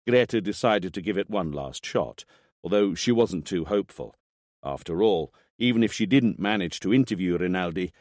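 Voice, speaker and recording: A man reading a thriller audiobook as scripted narration, with expressive delivery. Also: sits low, no echo, clean studio sound.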